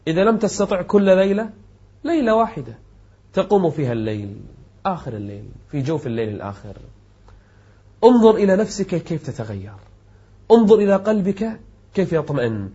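A male preacher giving an emphatic sermon, dropping to soft low tones and rising to raised exclamations, and slowly chanting verses and poetry. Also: breathy edge. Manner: chants verses in a slow melodic recitation. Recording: dull lo-fi recording.

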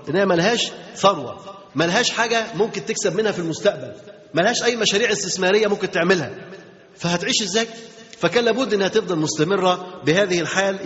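A man's voice: sits high, a bit bright. A man with an Egyptian accent giving an Islamic religious lesson, asking his listeners rhetorical questions and repeating key phrases. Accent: Egyptian Arabic. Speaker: religious teacher. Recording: dull lo-fi recording in a reverberant hall.

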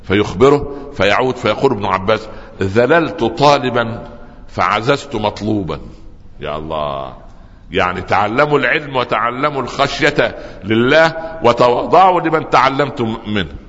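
A man preaching a sermon, telling stories lively and joking with the audience. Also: mid-range voice, a little fast. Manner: lively storytelling with humor and audience asides. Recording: dull lo-fi recording with long hall reverb.

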